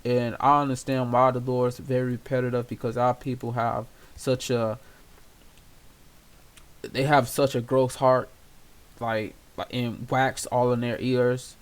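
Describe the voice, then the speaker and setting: Man, informal Bible teaching, slow delivery, mid-pitched voice, conversational asides. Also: flat delivery, clear, resonant tone. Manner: casual and conversational, many fillers and "you know"; reads scripture aloud in old-style wording. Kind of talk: informal Bible study reading scripture.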